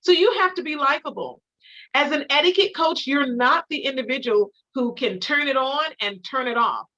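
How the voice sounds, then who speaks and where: A woman giving an instructional lecture as an etiquette teacher, measured and emphatic, repeating her key phrases. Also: high-pitched, bright, forceful tone, poor audio.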